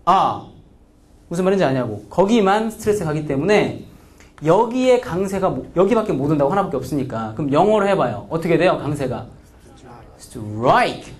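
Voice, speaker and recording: A man lectures on English grammar with a high voice that leaps up and down. He keeps asking the class questions and sounds out example words syllable by syllable. He slides between casual and polite speech. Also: quick pace. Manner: lively, asks students frequent questions; acts out pronunciations.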